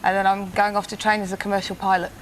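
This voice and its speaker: A woman's voice: mid-range voice, level tone, fast, background noise. Cheerful young woman on a quiz show. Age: 20s. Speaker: quiz contestant. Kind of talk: casual chat.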